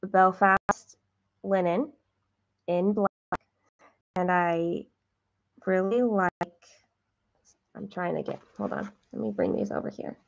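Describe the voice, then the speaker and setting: Host of a stitching livestream: a woman with a slow, gravelly voice who chats warmly with viewers; dull lo-fi sound. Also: fairly low pitch, lively intonation, a little hiss or hum. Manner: chatty, self-deprecating, talks to viewers while counting stitches. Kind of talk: casual stitching livestream chat.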